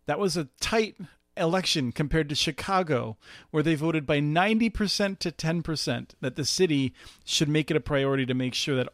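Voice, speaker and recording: A man's voice: a little high, dry recording. Enthusiastic man, dry close sound. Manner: enthusiastic, many restarts and laughs. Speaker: policy researcher guest. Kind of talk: casual podcast discussion.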